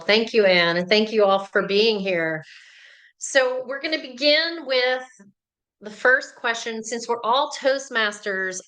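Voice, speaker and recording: Bright-voiced woman leading an online workshop. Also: medium pitch, poor audio. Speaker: workshop presenter. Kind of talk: live online workshop talk.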